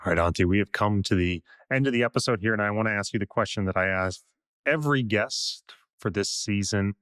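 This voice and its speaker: Low-voiced male podcast host. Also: a little fast, fairly bright tone. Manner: courteous, wrapping up with a set closing question. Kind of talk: interview hosting.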